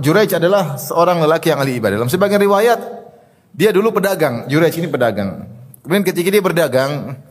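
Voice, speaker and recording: A male religious teacher gives a study lecture. He explains Arabic terms and tells narrations, often filling pauses with "ya" and "apa namanya". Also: fairly high pitch, in a large hall. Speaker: Islamic teacher.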